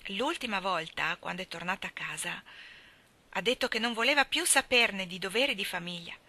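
A woman's voice: mid-range voice, animated, moderate pace, sharp tone. A woman voicing an anxious, devoted young maid girl, speaking earnestly and in a worried rush.

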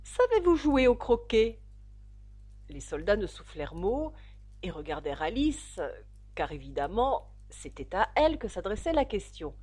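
A woman narrating a classic children's story in an expressive, dramatic reading style. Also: on the low side, normal speed, slightly rough. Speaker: audiobook narrator.

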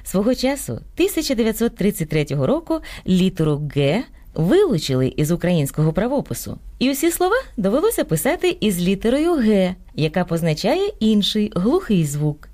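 A woman co-hosting a radio program, reading a script in a clear, measured way. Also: mid-range voice, very animated, warm tone, no echo. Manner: clear, measured explanatory delivery. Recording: dry radio studio with faint music.

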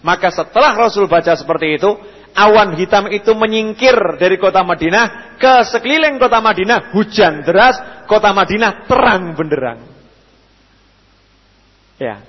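A young Javanese man preaching at a mosque study session in a lively way, acting out the people he quotes. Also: moderate pace. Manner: lively, acts out quoted speakers with sudden jumps in pitch and loudness. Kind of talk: religious lecture answering questions. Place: mosque hall. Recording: dull, echoey hall radio recording.

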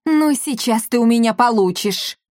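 A fierce storybook housewife, scolding and threatening with sharp emphasis, as a woman reads her. Her voice sits somewhat higher than a plain reading voice. The sound is dry and close. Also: expressive, normal speed, no room sound, natural voice.

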